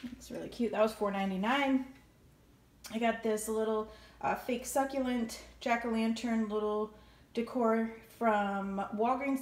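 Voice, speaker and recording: A woman's voice: mid-range voice, reverberant. A woman vlogger casually showing her home decorations, chatty and upbeat, listing where she bought each item and what it cost. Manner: chatty, upbeat, lists prices and stores. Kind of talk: casual show-and-tell narration. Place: indoor room at home.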